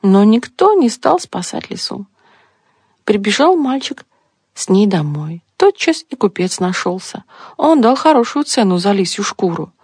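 A woman reading a fairy tale aloud as a storyteller, in an expressive storybook manner. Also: mid-range voice, a little slow, breathy edge, no room sound, studio quality.

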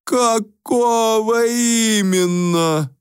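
A man voicing a huge, grim male lion who speaks in a slow, drawn-out moan. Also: sits high, clean tone, dry recording, studio quality, voice pushed up. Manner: slow, drawn-out moaning speech.

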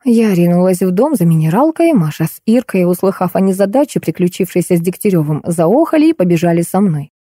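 A woman narrating a first-person comic novel as an audiobook, in a lively, ironic manner. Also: on the low side, brisk, few pauses, no echo, clean studio sound.

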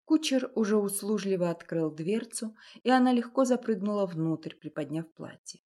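A woman reading a historical romance novel aloud in measured scripted narration. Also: medium pitch, animated, mellow. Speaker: audiobook narrator.

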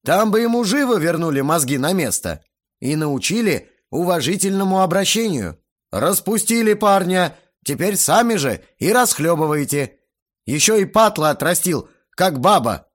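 A man voicing a red-faced, indignant fat middle-aged uncle who shouts and sputters, in an audiobook. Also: high voice, very animated, normal speed, pitched above the performer's own voice. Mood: indignant shouting.

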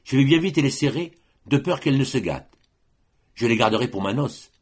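A man voicing a young woman, a gentle but fiercely determined sister, in a soft husky voice raised above his own. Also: medium pitch, lively intonation, a little fast, pitched above the performer's own voice. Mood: delighted.

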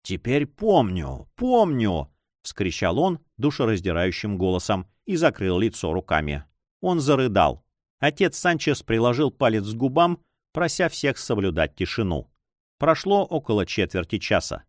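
Man reading a novel with lively pitch. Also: normal speed, dry recording, studio quality. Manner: dramatic, expressive reading. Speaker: narrator. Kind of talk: audiobook reading.

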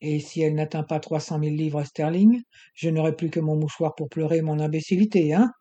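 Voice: medium pitch, steady tone, brisk, mellow, natural voice. An audiobook reader voicing a suspicious, greedy young male prisoner who answers curtly and bluntly. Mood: sarcastic. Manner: curt, blunt replies. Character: furious captive young man, suspicious and greedy. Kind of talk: audiobook reading.

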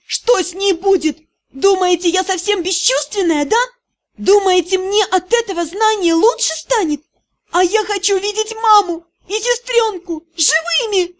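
A woman reading an audiobook, voicing a desperate, proud sixteen-year-old girl in a shrill, shaky voice. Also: moderate pace. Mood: defiant.

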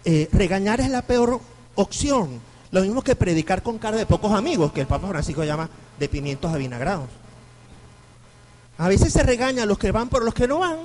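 Animated Venezuelan priest lecturing. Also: male voice, high-pitched, moderate pace, poor audio. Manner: animated storyteller, acts out quoted voices. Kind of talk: lecture to a parish group.

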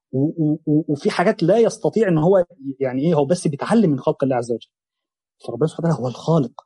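Egyptian man, Quran teacher, very rapid delivery, husky, dry close sound. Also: on the high side, warm tone, no room sound. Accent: Egyptian Arabic. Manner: fast colloquial explanation mixed with quoted verses. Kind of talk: religious lesson on a Quran chapter.

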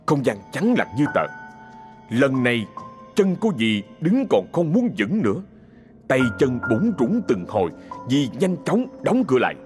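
Brief: male narrator, lively ghost story telling, faint music. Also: medium pitch, moderate pace. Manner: dramatic storytelling.

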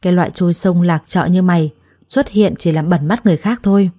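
A woman's voice: fairly low pitch, fast talker, warm tone, no room sound, clean studio sound, natural voice. A woman voicing a harsh, spiteful older adoptive mother who scolds with scorn in a storybook reading. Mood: scornful.

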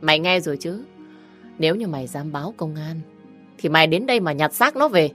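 A woman's voice: deep voice, animated, a little fast, a bit bright, soft background music. A woman doing a curt, menacing male kidnapper. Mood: threatening. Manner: blunt, threatening.

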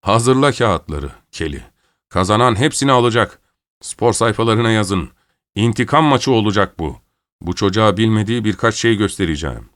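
A man voicing a boastful, quick-tempered male boxer who talks in a pushy, blustering way. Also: lowish voice, expressive, a bit bright, dry recording, clean studio sound.

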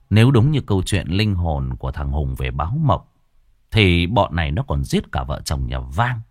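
A man's voice: low-pitched, no echo, studio quality. A man narrating a ghost story in a dramatic, ominous manner.

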